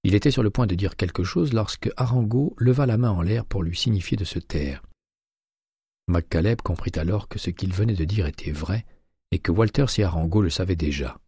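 A male narrator reading a crime audiobook at a measured, even pace. His voice is very low and dark, with a husky edge, and the recording is close and dry with no room sound at all. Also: dry recording.

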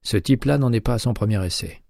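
A man reading an audiobook, voicing a sharp, persistent retired male FBI agent who presses with insistent questions. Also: mid-range voice, fast, creaky, no echo, studio quality, voice pushed up. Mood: assured.

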